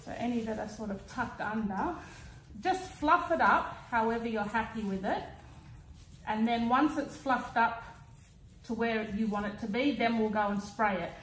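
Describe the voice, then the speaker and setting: High-voiced Australian woman with an aligner lisp. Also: normal speed, a little hiss or hum, low-quality recording. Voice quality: slight lisp from wearing clear retainer-style aligners. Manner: informal, chatty demonstrating while handling items. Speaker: DIY craft vlogger. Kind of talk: casual craft tutorial.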